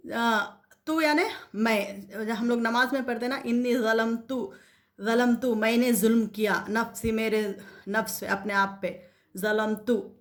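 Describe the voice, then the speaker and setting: A woman's voice: a little high, a bit bright. A woman teacher walks learners through Arabic verb endings. She drills each form several times and asks rhetorical questions as she explains. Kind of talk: explanatory lesson.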